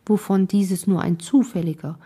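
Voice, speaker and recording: A woman voicing a reserved, polite male architect in an audiobook, with a soft, breathy voice. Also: medium pitch, fairly even intonation. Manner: polite, evasive, measured.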